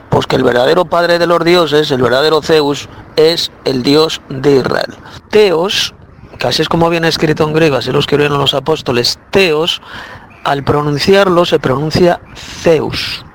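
A man with a somewhat high voice preaches a Bible lesson, pressing his point again and again with many hesitant fillers. A faint hum of background noise sits under his voice. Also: moderate pace. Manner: insistent, repeats points, frequent "eh" fillers. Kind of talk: spoken Bible teaching.

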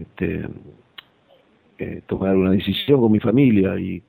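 Low gravelly guy on a phone line, halting, keeps restarting, sharing his church testimony. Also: no room sound. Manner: hesitant, halting, many restarts. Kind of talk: religious testimony.

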